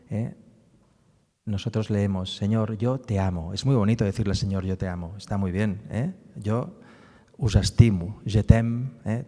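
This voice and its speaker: A man's voice: on the low side, dark tone, long reverb tail. A man from giving a public talk about a book on the psalms, explaining as he goes and often tagging his sentences with little questions. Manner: explanatory, frequent tag questions. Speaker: speaker presenting a book on the psalms.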